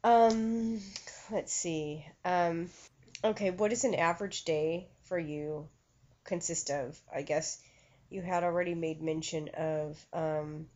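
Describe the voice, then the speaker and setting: A woman's voice: fairly low pitch, steady tone, takes it slowly, a little mellow. A woman medium talking through a channeling session, chatty and self-conscious, full of fillers and restarts. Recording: dull lo-fi recording.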